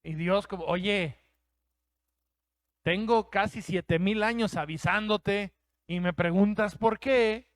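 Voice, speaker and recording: High, crisp-voiced Mexican pastor preaching. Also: male voice, steady tone, takes it slowly, pauses often, dry recording, clean studio sound. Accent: Mexican Spanish. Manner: emphatic preaching, plays out quoted voices. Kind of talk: sermon.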